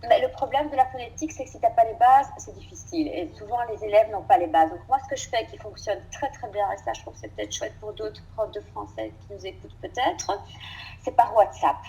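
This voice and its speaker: A woman French teacher talking in a casual interview, lively, laughing often and repeating words for emphasis. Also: mid-range voice, fairly quick, rough recording.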